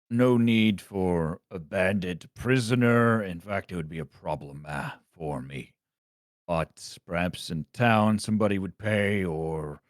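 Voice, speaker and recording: A man playing a guarded, high-ranking general with a very deep, low voice. He speaks in a measured, businesslike way over a dry, close mic in a tabletop role-play. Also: dry recording.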